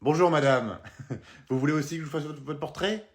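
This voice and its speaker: A young man acting out comedy sketches, animated and exaggerated, swinging between shouts and mutters. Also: a little high, brisk. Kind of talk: comedy sketches, several roles.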